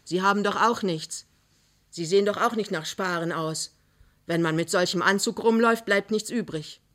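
A woman voicing a sharp-tongued old working-class mother who scolds loudly and shouts in bursts, in a dramatic novel reading. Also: medium pitch, fairly quick, lightly acted. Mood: suspicious grilling.

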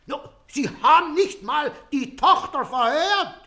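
A querulous, hard-of-hearing old landlord in a radio play. His voice is high, bright and swooping, and he stammers and sputters with outrage. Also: lively intonation, unhurried, heavily acted. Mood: indignant. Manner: indignant, sputtering, stammers in agitation.

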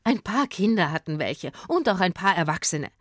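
A woman's voice: on the low side, big pitch swings, normal speed, no echo, studio quality. A woman voicing a proud, indignant hairdresser in a children's audio story. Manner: indignant, theatrical.

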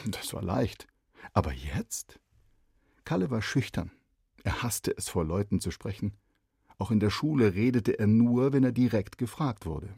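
Expressive male storyteller, low husky voice. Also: a little slow, dry recording, studio quality. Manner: expressive, animated reading. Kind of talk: scripted children's story narration.

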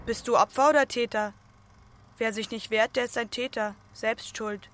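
A woman's voice: a little high, steady tone, moderate pace, fairly bright tone, close to an everyday voice. An actress playing a desperate woman who keeps urging someone to react, in an insistent, repetitive stage delivery. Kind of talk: stage monologue.

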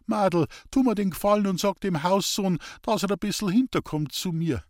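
Male reader doing an anxious bedridden farmhand, high and pleading. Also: normal speed, no room sound, clean studio sound, lightly acted. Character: sickly young farmhand Hans Peter, anxious.

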